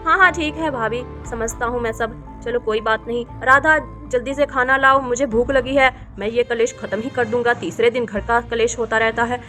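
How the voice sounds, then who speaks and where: Village farmer man, reasoning and mediating, pitched high; woman plays him in a doll story. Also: fairly even intonation, normal speed, few pauses, sharp tone, soft background music. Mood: firm. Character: village farmer man, calm head of household. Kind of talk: doll video role-play.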